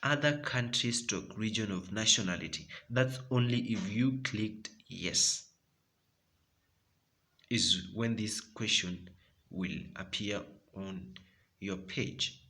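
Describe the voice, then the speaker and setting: A man's voice: lowish voice, slow pace, bright, forceful tone. A man with a Kenyan accent, walking viewers through a form step by step, repeating key points. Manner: repetitive, instructive, addresses viewers as guys. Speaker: tutorial presenter.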